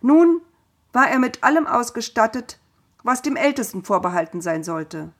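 A woman telling a story in the first person, calm and measured. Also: a little high.

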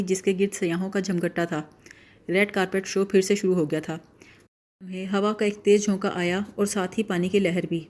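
Lady reading a novel out loud, steady and even, mellow dark tone. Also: medium pitch. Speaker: audiobook narrator. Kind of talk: scripted narration of a novel.

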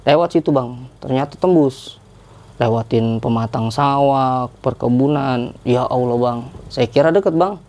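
Gravelly, mellow-voiced man telling a story. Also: mid-range voice, measured pace. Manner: chatty, rambling, with many filler tags. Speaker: guest telling a hiking story. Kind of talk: casual podcast storytelling.

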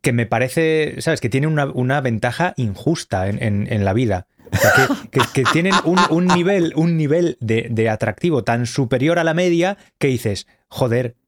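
A man who speaks in a calm, measured way. He is agreeable and careful with facts, and his voice sits at a middle pitch. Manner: measured, agreeable, fact-checking. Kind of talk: casual chat.

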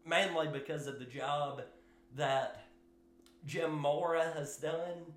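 A man hosting his own sports podcast, giving solo commentary in a slow, measured way with fillers and hedges. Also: on the high side, steady tone, roomy sound. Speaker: podcast host.

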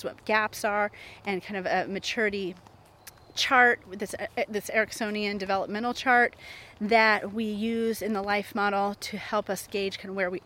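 A woman in her forties, a therapist hosting a podcast, talking in a chatty, animated way and laughing often. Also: medium pitch. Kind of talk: casual podcast monologue.

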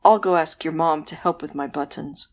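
A woman voicing a clumsy, helpless male zombie with squeaky, panicky pleading in a storybook reading. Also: moderate pace, natural voice. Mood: sheepish.

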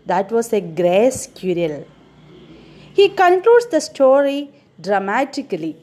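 A woman's voice: a little high, slow. A woman teacher retelling a story to her students, stopping to quiz them with questions and stressing key words. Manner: expressive, quizzes listeners with questions.

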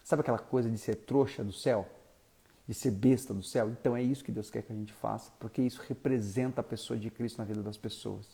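A man preaching, his voice gravelly and mellow. He tells the story lively, rising loud and then dropping soft to drive his point home. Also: medium pitch, quick pace. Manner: animated, swings from loud to soft. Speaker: pastor. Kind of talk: storytelling sermon.

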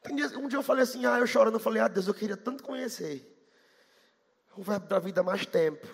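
A man from Bahia with a Bahian accent, preaching a sermon fast and with fervor, rising to shouts and a sing-song cadence. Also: high-pitched, gravelly, slightly rough. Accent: Bahian Portuguese. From Bahia, Brazil. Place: church hall. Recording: long hall reverb.

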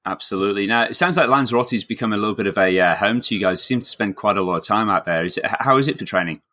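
A man with a broad Yorkshire accent and a fairly low, forceful voice. He hosts a podcast chattily and enthusiastically, spinning out his points as he addresses listeners and guests. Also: rapid-fire. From north of England. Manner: enthusiastic, wordy. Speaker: podcast host, swimming coach. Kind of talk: chatty podcast introduction and interviewing.

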